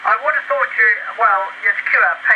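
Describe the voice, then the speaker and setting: A middle-aged man, talking over a breaking-up ham radio link in an unhurried, halting way, often clearing his throat. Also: high-pitched, phone-quality sound. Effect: heard over a crackling ham radio receiver, signal breaking up. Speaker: amateur radio operator. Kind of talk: ham radio contact chat. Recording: noisy received radio signal.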